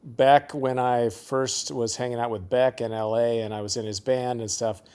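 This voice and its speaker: A man's voice: medium pitch, steady tone, normal speed, a little mellow, smooth. Laughing, rambling man telling stories. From Seattle area, US. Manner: rambling storyteller who laughs often. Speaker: guest musician. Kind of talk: casual interview chat.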